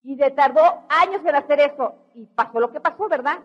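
A middle-aged woman with a Mexican accent giving an animated motivational storytelling talk, acting out voices. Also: high voice, fairly quick. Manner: animated, acts out quoted voices. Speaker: motivational speaker. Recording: dull lo-fi recording.

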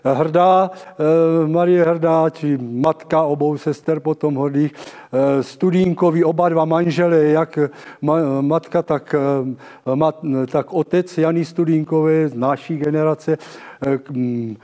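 An elderly man giving a public lecture, halting and correcting himself as he addresses his listeners. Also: fairly high pitch, fairly even intonation, dark tone. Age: 70s. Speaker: lecturer on local theatre history. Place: large dim auditorium with stage and seated audience. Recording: reverberant hall, long echo.

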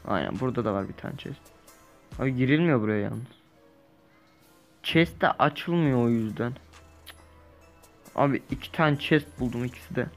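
A young man casually commenting while he plays a survival game, rambling, correcting himself and breaking into lively bursts. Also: medium pitch, normal speed, long pauses, faint music behind. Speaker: gaming YouTuber. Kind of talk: casual let's-play commentary.

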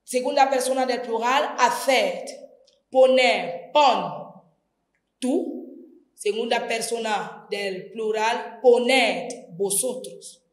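A woman teaching a distance-learning grammar lesson, slowly and deliberately spelling out each verb form. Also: a little high. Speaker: Spanish teacher. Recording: echoey room.

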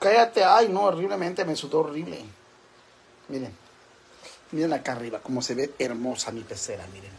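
A man with a fairly high voice and vocal fry vlogs casually from his home, which is full of pets and fish tanks. Speaking at normal speed with a Mexican Spanish accent, he pauses often, coos at his pets and swears freely in a campy, theatrical way. There's a little hiss or hum.

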